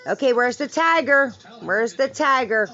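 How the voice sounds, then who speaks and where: A woman playing a slow, repetitive quiz with a toddler, prompting in a sing-song way and praising each answer, on a dull lo-fi home recording. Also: high-pitched, animated, bright, forceful tone.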